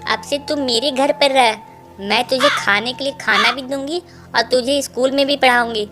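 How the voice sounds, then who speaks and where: A woman's voice: sits high, normal speed, faint music behind. A woman voicing a kind, motherly crow queen who comforts a crying girl. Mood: comforting. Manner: gentle, comforting.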